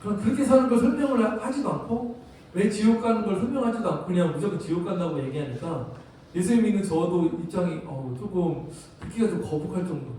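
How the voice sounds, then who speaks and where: A man's voice: high-pitched, warm tone, slight background noise. Korean man preaching in an echoey sanctuary. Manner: conversational, telling stories to teens. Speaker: youth pastor. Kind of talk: sermon and closing prayer. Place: large church sanctuary. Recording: very echoey hall, from a distance.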